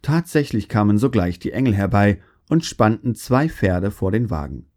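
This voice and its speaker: A man telling a fairy tale in a calm, steady manner. His voice is low and mellow, dark in tone. He narrates like a storybook reading. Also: normal speed.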